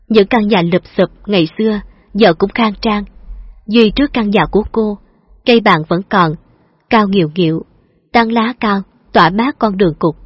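A woman narrates a novel in a calm, even storytelling voice at a mid pitch. The recording is dull and lo-fi, close and dry. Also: husky, dry recording. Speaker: audiobook narrator.

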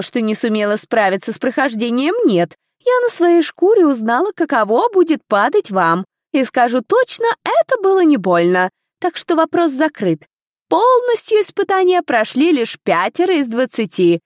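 A woman voicing a stern female stewardess of a trial who scolds sharply and loudly. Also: high-pitched, sing-song, moderate pace, dry recording, studio quality, pitched above the performer's own voice.

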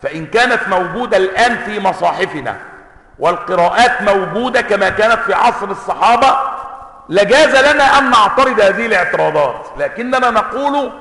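A high, bright-toned man gives a lecture, stretching out each variant reading he quotes and then explaining it more briskly. His voice rings through a large hall with a long, roomy reverb. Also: lively intonation. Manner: reads quoted variant readings slowly and emphatically, then explains in quicker asides. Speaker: sheikh teaching Quranic sciences.

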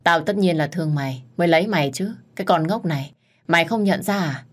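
A woman's voice: lowish voice, quick pace, lightly acted. A woman voicing a cocky young male servant, brash and teasing toward the girl he loves.

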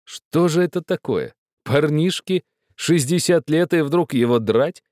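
A jovial old gentleman dandy in a storybook reading, his voice raised high above the reader's own and pushed louder, teasing and full of laughter, as a male narrator puts him on. The sound is dry and close. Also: big pitch swings, moderate pace, no echo. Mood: amused. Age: older. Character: cheerful old dandy mine manager, joking.

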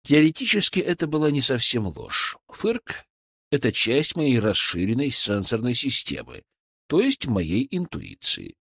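A man narrating a first-person fantasy audiobook in an expressive, storytelling way. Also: medium pitch, a little slow, vocal fry, slightly rough, no room sound, clean studio sound.

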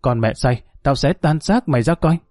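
A man's voice: medium pitch, expressive, normal speed, a little mellow, dry recording, clean studio sound, close to an everyday voice. A man voicing an older mother who scolds and grumbles bitterly.

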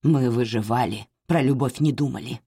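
A woman's voice: a bass voice, normal speed, dark tone, slightly rough, dry recording, voice pushed down, heavily acted. A woman voicing a stern, blunt older mother who scolds her grown daughter in a dry, curt way. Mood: quiet.

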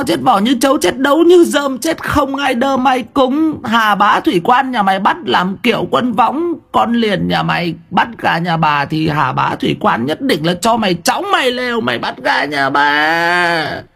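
A man doing a shrill village wife, rhythmic ranting curses, husky high voice, audiobook story. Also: fairly bright tone, heavily acted. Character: shrill village wife cursing a chicken thief.

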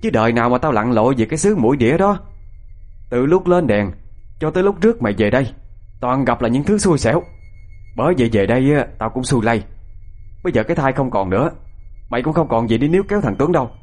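A man's voice: medium pitch, lively intonation, fast talker, pauses often, a little mellow, pitched above the performer's own voice, close to an everyday voice. A man voicing a harsh older mother-in-law who scolds with contempt. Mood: scornful.

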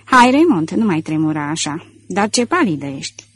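A woman voicing a proud, ironic gentleman thief in an audiobook. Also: lowish voice, very animated, slightly rough, no echo. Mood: teasing. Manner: proud, ironic and self-assured. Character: elegant, boastful gentleman thief, man. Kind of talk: audiobook character reading.

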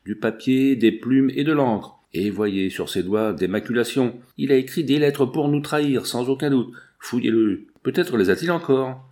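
A man's voice: mid-range voice, lively intonation, normal speed, few pauses, darkish tone, natural voice. A man voicing a sneering, volatile male bandit chief in a storybook reading, with a hissing voice and mocking, forced laughter. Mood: accusing. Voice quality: hissing voice, teeth grinding.

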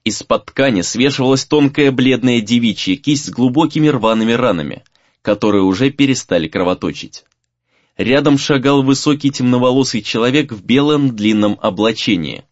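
A man reading a fantasy novel aloud as narrator, in a measured reading with varied emphasis. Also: mid-range voice, no room sound, dull audio. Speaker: audiobook narrator.

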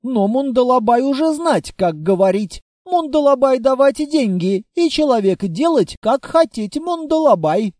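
Reader voicing a stubborn warrior with broken speech, pitched high, slow and deliberate. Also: sing-song, darkish tone, no echo, studio quality. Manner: broken grammar, talks of himself in third person.

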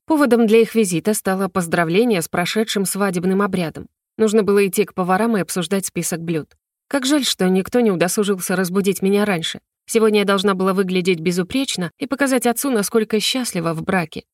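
A woman reading a first-person fantasy novel aloud in an even, measured way. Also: mid-range voice, dry recording, studio quality. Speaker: audiobook narrator.

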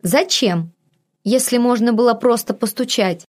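A woman voicing a sharp-tongued, irritable young heroine. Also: on the high side, a little slow, pitched above the performer's own voice. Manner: snappy, sarcastic.

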